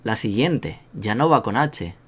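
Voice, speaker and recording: A man's voice: on the low side, lively intonation, unhurried, husky. A man with a Spanish accent from Spain, giving a casual online language lesson in a joking, self-mocking way and drilling sounds aloud. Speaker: language teacher.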